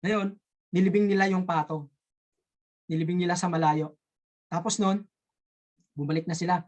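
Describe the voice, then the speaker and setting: A speaker with an Ilonggo accent telling a story in a casual, halting way, often stopping to search for words, as a participant in an online coaching session. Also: medium pitch, fairly even intonation, a little mellow.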